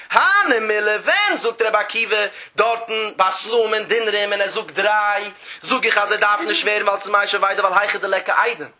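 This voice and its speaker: A man's voice: high-pitched, pushed and bright. A man teaching a traditional study-hall lesson in a sing-song chant, drawing out phrases and acting out the voices of the people who argue over a debt. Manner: acts out the disputing parties in quoted voices. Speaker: Talmud teacher.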